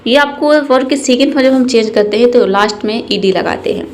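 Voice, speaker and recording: Woman teacher, patient explainer, spells words out slowly and asks her own questions. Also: on the high side, a little mellow, a little hiss or hum. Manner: spells words letter by letter, repeats them slowly. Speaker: English teacher. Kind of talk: spoken lesson on English pronunciation.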